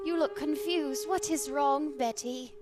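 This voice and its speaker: Mystical fortune teller and time goddess, female, played by a game master: high, measured, formal, music behind. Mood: grave, stately. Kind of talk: in-character tabletop role-play.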